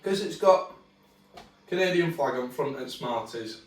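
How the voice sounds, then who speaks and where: A man's voice: mid-range voice, animated, unhurried. A man with a Yorkshire accent, chatting bluntly and jokily as he co-hosts a snack taste test. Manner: blunt, jokey, broad dialect. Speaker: co-host of a cooking channel. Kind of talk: casual chat during a taste test. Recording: echoey room, mic at a distance.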